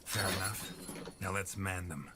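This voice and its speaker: A calm, brisk male commander in a game, handing out short orders in a very deep voice. A faint hiss of noise sits under the audio. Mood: commanding. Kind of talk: game dialogue.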